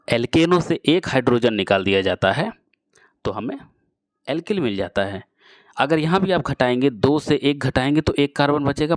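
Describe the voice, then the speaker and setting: A man teaching a chemistry lesson to students, explaining slowly and repeating key phrases as he addresses the class directly. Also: medium pitch, dry recording, clean studio sound. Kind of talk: classroom lecture.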